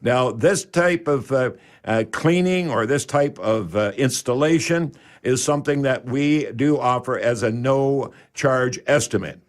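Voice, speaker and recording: A man with a medium-pitched voice hosts a radio advice show about home repair, speaking in a halting, folksy manner and repeating words for emphasis.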